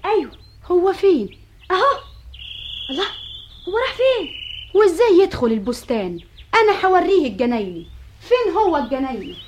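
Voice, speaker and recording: A woman's voice: very high voice, very animated, brisk, long pauses, a little hiss or hum. A tender, sorrowful queen mother. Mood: puzzled. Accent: Egyptian Arabic. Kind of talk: 1960s Egyptian radio drama acting. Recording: dull old radio recording.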